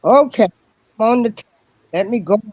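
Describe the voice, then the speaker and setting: A woman calling in on a choppy, glitchy line that breaks up every other word, talking haltingly with many restarts. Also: fairly high pitch, a little mellow, no room sound. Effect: choppy, glitchy call audio that breaks up every other word. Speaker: caller joining a livestream. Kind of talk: casual call chat. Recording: dull lo-fi call line from far off.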